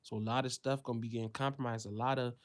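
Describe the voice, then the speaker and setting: A US man rants through an unscripted commentary, swearing plenty and speaking at a quick pace with a steady tone. He shifts from low, subdued muttering up to loud, shrill exclaiming as he mocks others.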